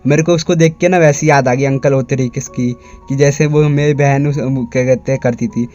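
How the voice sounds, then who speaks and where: A man's voice: medium pitch, steady tone, fairly quick, a little mellow, faint music behind. A man casually retelling an anime episode, stringing events together in a rambling way with frequent restarts. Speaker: anime recap narrator. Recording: dull lo-fi recording.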